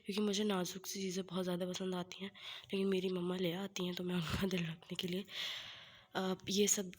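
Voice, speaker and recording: A young woman with a sore throat talks softly, often dropping to a half-whisper, in a fairly low and flat voice. She chats casually to her viewers as a home vlogger, with faint background noise behind her. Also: brisk. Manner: soft-spoken, often half-whispered, chatty. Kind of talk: casual vlog narration while showing items.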